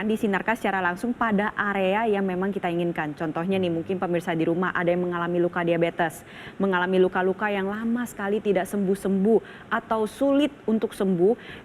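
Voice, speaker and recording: A woman's voice: mid-range voice, a little hiss or hum. A woman presenting on a health show, explaining things instructively to viewers at home.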